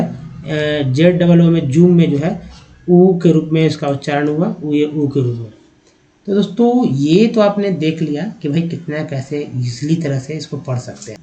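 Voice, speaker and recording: A man's voice: on the high side, dark tone, highs cut off. A man teaching an English lesson, spelling out letters and repeating vowel sounds step by step. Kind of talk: slide-based language lesson.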